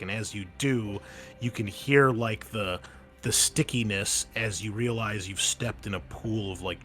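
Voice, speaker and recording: A man with a lowish, slightly bright voice narrates a tabletop game as game master, keeping it casual, conversational and descriptive. Music plays underneath the recording.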